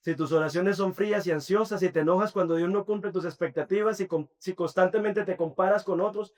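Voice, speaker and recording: Male pastor, high voice, earnest sermon delivery. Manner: earnest preaching, dropping to soft intimate tones.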